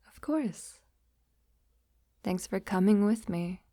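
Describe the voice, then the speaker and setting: In soft-spoken ASMR roleplay, a voice actress portrays a shy young woman turning from best friend to sweetheart, affectionate and slightly halting, her mood tender and relaxed. Her mid-range voice is breathy and gentle with lively intonation, slow-paced and often slipping toward a whisper. The recording is close, mellow and dry, without echo.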